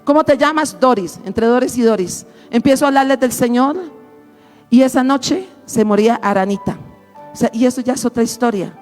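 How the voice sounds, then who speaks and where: High-pitched woman, fervent sermon delivery, soft music behind. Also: normal speed. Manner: storytelling, acts out voices, rising to fervent exclamations. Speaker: pastor.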